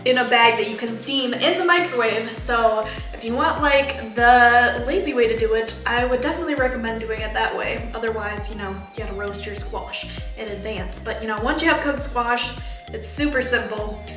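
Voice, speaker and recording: A woman's voice: fairly high pitch, moderate pace, a bit bright. A woman chatting casually through a vegan cooking demo at home, gushing about the food and filling her talk with "um" and "like.". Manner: chatty, full of fillers like "um" and "like". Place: home kitchen. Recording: echoey room with background music.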